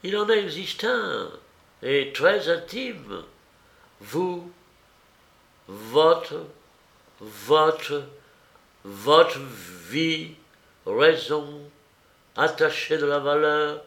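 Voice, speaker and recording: A man voicing an eager, brilliant male detective who explains with lively, rising delivery in an audiobook. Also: a little high, gravelly, roomy sound, pitched above the performer's own voice, full character voice. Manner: quick, animated, explaining.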